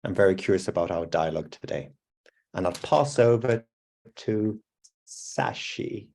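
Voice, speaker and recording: Low-voiced, polite man from Italy. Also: unhurried, creaky, darkish tone. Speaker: committee member introducing himself. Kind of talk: brief self-introduction on a video call. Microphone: video call.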